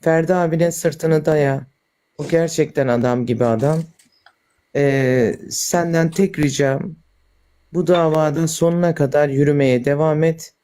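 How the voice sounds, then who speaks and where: A woman's voice: deep voice, a little slow, mellow. A woman on a livestream talking casually and supportively, with a firm, encouraging manner. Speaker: livestream participant.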